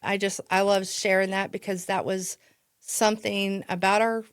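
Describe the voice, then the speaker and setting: This Midwestern American woman, a real estate agent guesting on a podcast, has a mid-range voice with flat delivery at a moderate pace, in a dry, clean studio recording. She tells her story in a casual, chatty way, laughing and restarting.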